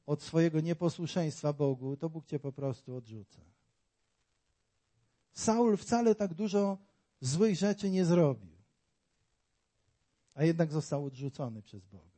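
Male preacher, high-pitched and unhurried, working the congregation with questions and emphatic rises. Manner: emphatic, rising and falling between loud exclamations and quiet asides; talks directly to the congregation with rhetorical questions. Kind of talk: sermon.

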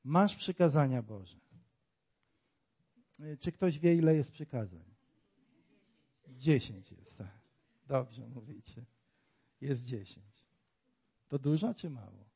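A man preaching a sermon to a congregation, asking them questions and swinging between loud, emphatic lines and quiet asides. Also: medium pitch, big pitch swings, takes it slowly, creaky, pauses often, husky. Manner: talks directly to the congregation with rhetorical questions.

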